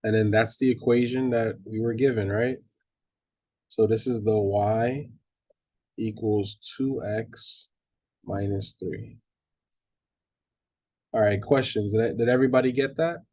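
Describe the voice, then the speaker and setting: A man's voice: lowish voice, steady tone, a little slow, long pauses, mellow. A man teaching a math class, reading steps aloud with restarts and often checking in with his students. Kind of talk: online class lecture.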